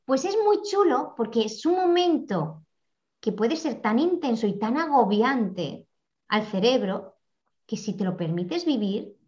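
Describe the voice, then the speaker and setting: A woman giving a reflective conversational talk, animated and repeating phrases for emphasis. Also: a little high, unhurried. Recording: muffled lo-fi audio.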